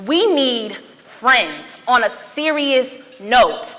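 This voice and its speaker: Earnest high-voiced young woman advocate. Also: sing-song, extremely slow, sharp tone. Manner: earnest, plainspoken, emphatic. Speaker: youth advocate panelist. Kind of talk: impassioned personal speech. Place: conference hall with audience. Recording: reverberant conference hall, audience murmur.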